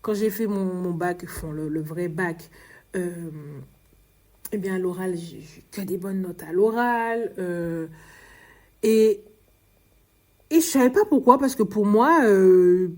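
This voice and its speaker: An exhausted woman from Martinique with a Martinican French accent, hosting a podcast and telling her own story in quick, stumbling speech, dropping her R sounds. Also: fairly low pitch, darkish tone. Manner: frequent restarts and fillers, confiding tone. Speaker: podcast host.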